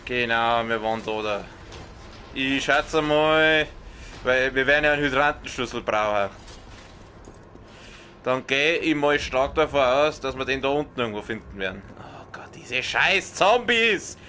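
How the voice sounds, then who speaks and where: A man with a Bavarian accent doing excited, swearing let's play commentary on a horror game, often yelling and yelping. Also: medium pitch, unhurried, slight background noise.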